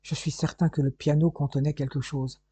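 A man reading a gruff, curt police detective who grumbles in a storybook reading. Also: fairly high pitch, little pitch movement, a little fast, warm tone, no echo. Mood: urgent. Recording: dull lo-fi recording.

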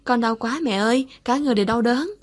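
Lady narrator doing drugged young woman talking like a scared kid, whimpery and pleading, higher voice. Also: fast talker, close to an everyday voice. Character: drugged, tearful young woman regressed to a child.

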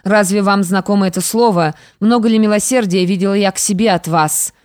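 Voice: medium pitch, steady tone, fairly quick, a little mellow, no room sound, studio quality, natural voice. A reader voicing Anyuta, a stern young woman. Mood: stern, indignant. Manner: indignant, firm.

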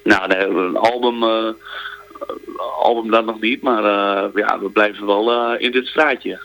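A man's voice: fairly low pitch, steady tone, unhurried, fairly bright tone, low-quality recording. A man, a singer, calling in to a radio show and answering the host's questions hesitantly, with many filler sounds and restarts.

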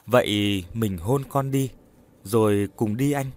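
A man's voice: lowish voice, slow, darkish tone. A man voicing a grieving young wife's ghost. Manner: tearful, pleading.

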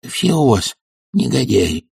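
A man voicing a crude, boorish young man who was once a dog, with a coarse, gravelly manner in an audiobook. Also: a little high, big pitch swings, unhurried, darkish tone, no echo, studio quality, voice pushed up, full character voice. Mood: sulky. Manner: coarse, sulky, grumbling. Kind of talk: audiobook character voice.

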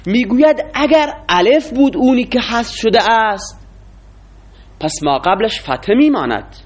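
A man's voice: very high voice, expressive. A man teaching a classroom lecture, explaining rules and quizzing his students with frequent questions.

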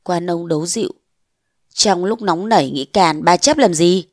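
A woman's voice: fairly low pitch, moderate pace, no echo, studio quality, close to an everyday voice. A woman voicing a pompous, bullying old mandarin who scolds and blusters, in a storybook reading. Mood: blustering.

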